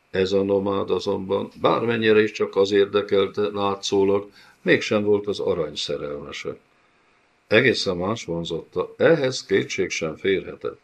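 A man narrating a fantasy audiobook in a measured storytelling manner. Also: deep voice, vocal fry. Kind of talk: scripted narration.

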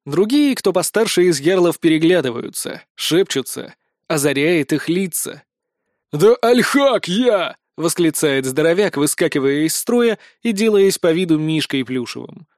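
A man narrating a fantasy audiobook in the first person, with a lively, expressive reading on a close mic. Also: on the high side, moderate pace, dry recording.

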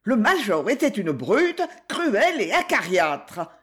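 A woman voicing a surly, quick-tempered working-class wife who answers back sharply. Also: very animated. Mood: defiant. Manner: sharp, shrill retorts.

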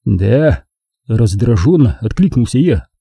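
A male narrator reads a first-person story with lively, expressive delivery, his pitch moving a lot. His tone is very dark and husky. The recording is close and dry. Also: normal speed, no echo. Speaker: audiobook narrator.

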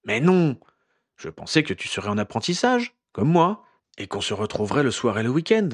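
A man's voice: medium pitch, big pitch swings, normal speed, husky, no room sound, clean studio sound. Man doing a flustered, stammering young wizard. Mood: pleading. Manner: hesitant, stammering delivery.

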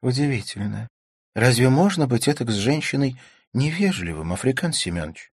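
A man reading a novel aloud and voicing a polite, gentle young lady of the house with a mild, soft-spoken manner. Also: medium pitch, sing-song, moderate pace, slightly rough, dry recording, clean studio sound, voice pushed up.

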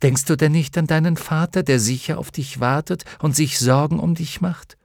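A man putting on a bright, raised boy's voice for a loyal young storybook hero, earnest and urgent. The tone stays husky and gravelly underneath, recorded dry and close. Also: a little high, a little slow, no echo, pitched above the performer's own voice. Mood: pleading. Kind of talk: audiobook character voice.

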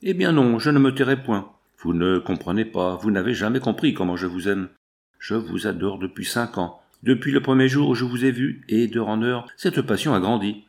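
A man's voice: lowish voice, normal speed, close to an everyday voice. A man reading an audiobook voices a passionate, brooding factory foreman who pleads insistently. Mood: fervent. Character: passionate working-class foreman, brooding and intense.

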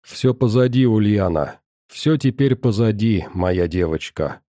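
Male reader as a teasing, ironic young hero; low, dry audiobook read. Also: expressive, unhurried, warm tone, no echo. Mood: tender. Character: young man, teasing and wry.

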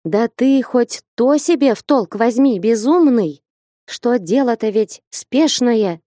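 A woman voicing a sharp-tongued scolding young woman. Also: animated, a little slow, dry recording, clean studio sound, natural voice. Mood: mocking. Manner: scolding, commanding, rising to high pitch. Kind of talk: audiobook character reading.

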